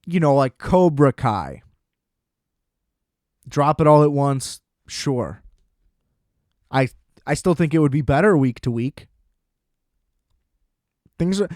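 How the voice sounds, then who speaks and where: Excitable swearing man, dry close mic. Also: medium pitch, dry recording. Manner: excitable, profane, rambling. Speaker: podcast host. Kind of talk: casual solo podcast chat.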